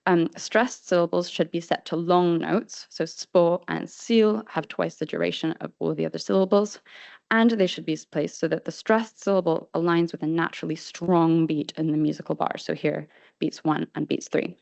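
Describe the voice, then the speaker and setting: A woman presenting an academic paper at a conference, reading from a script in a measured way with frequent ums. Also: sits low, fairly even intonation, vocal fry, a little mellow, dry recording. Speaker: conference speaker. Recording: dull, lo-fi sound.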